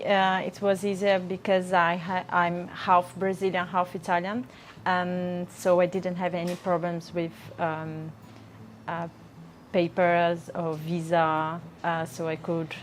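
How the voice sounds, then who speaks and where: A woman speaking slowly about her own experience, with many fillers. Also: on the low side, slight background noise. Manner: slow, flat, with fillers. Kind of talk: personal testimony.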